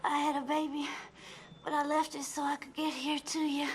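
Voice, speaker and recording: An actress playing a sick, feverish young frontier woman, talking slowly and faintly. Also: sits high, close to an everyday voice. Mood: weak. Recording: film soundtrack with steady noise.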